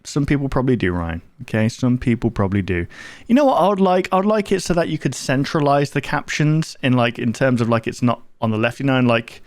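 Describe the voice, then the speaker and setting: A man's voice: mid-range voice, fairly quick, dry recording. A man hosting a horror reaction video with casual, chatty, rambling commentary that often interrupts itself.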